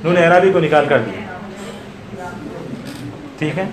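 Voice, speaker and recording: Higher-voiced man teaching grammar in an echoey room. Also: sing-song, measured pace, crowd noise. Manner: quizzes students, corrects patiently. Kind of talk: online Arabic grammar class.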